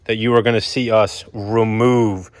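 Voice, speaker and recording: A man's voice: on the low side, level tone, measured pace, dry recording. A man hosting a car-build vlog from his shop, talking casually and expressively with a self-mocking streak. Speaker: shop owner and channel host.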